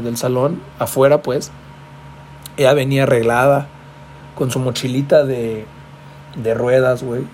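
A young man around twenty with a Mexican accent hosts a podcast, telling a funny story in slangy, profane language and dropping "güey" into every line. His voice is medium-pitched and a little mellow, with slight background noise.

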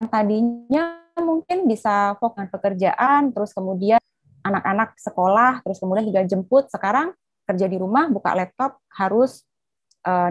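A woman's voice: medium pitch, no echo. A woman psychologist explaining to an interviewer, talking fluently with frequent "eh" fillers. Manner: fluent, with many "eh" fillers, acts out quotes. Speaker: psychologist guest.

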